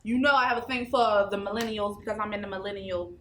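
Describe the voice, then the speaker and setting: An anger management specialist in her twenties sits as a guest for a casual interview in a small indoor studio. She talks fast in a bright, steady, mid-range voice, emphatic and preachy, repeating her phrases over slight background noise.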